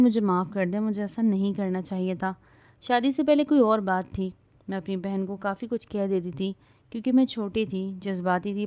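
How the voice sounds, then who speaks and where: A woman's voice: medium pitch, a little mellow, no room sound, lightly acted. A woman narrator voicing an emotional young wife who pleads in tears. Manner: tearful and pleading.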